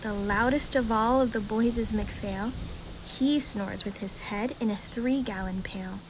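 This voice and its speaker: A woman reads a rhyming children's bedtime story aloud in a calm, gentle, expressive storytelling way. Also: mid-range voice, unhurried, noisy background.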